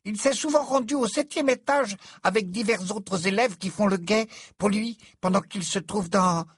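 A woman voicing an eager, devoted little male house-elf with a squeaky, high voice in an audiobook. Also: normal speed, slightly rough, no room sound, studio quality, close to an everyday voice. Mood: earnest. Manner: earnest and breathless, always addressing his master formally. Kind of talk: audiobook character voice.

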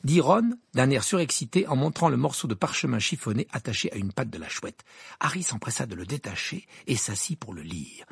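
A storybook narrator with a gravelly, husky voice whose pitch moves a lot, reading with expressive variety. The recording is dry and close, with no room sound. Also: a little fast, dry recording. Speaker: audiobook narrator.

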